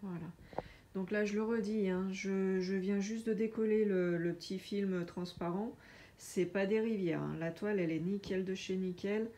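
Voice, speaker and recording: A woman chatting casually through a craft unboxing, hesitant with many filler pauses. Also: mid-range voice, steady tone, mellow, slight background noise. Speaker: diamond painting vlogger.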